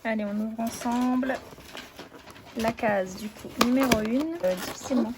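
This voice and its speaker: A young woman talks to her camera at home, bubbly and chatty. Her voice sits fairly high and she fills gaps with frequent hesitations. There is a faint hiss behind her. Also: steady tone, moderate pace. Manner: chatty and enthusiastic, many fillers. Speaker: vlogger. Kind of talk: casual chat.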